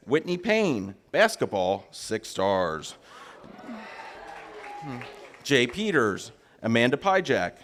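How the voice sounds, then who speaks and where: A man announcing at a closing ceremony, reading a list of names in a steady roll-call manner with frequent fillers. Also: mid-range voice.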